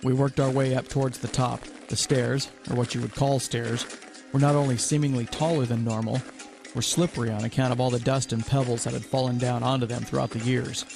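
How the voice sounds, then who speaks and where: A man and podcast host reading a first-person adventure story in a steady, measured storytelling way. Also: mid-range voice, vocal fry, over music.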